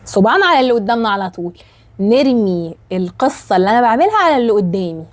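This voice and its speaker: A woman with an Egyptian accent, a life coach giving casual advice to camera, animated and acting out quoted voices. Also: mid-range voice, rapid-fire. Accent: Egyptian Arabic. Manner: animated, acts out quoted voices, frequent restarts.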